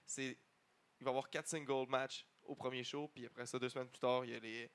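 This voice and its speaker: A man with a middle-pitched voice and a Quebec French accent. He talks like a podcast host in casual banter with friends, loose and informal. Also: little pitch movement, fairly quick, smooth.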